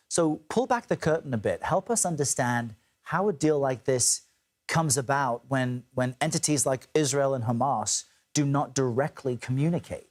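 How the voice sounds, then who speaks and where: A man anchoring live news, putting questions to a guest in a measured, formal way. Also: mid-range voice.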